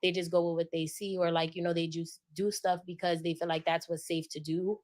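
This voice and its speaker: A woman's voice: fairly low pitch, little pitch movement, a little fast, a little mellow, no echo. Earnest woman sharing opinions. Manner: earnest, opinionated, many fillers. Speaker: podcast guest. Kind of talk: casual discussion.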